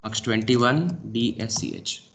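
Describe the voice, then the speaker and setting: Indian man talking through a software demo. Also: mid-range voice, unhurried, creaky. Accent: Indian English. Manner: talks through each click step by step, frequent "okay". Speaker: lecturer. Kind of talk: screen-recorded software lab demo.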